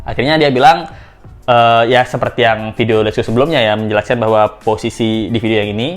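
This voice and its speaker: A man's voice: mid-range voice, fairly even intonation, brisk, faint music behind. A man giving casual commentary as he reads out messages, lifting his voice to mimic the writers and laughing often. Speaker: commentary vlogger.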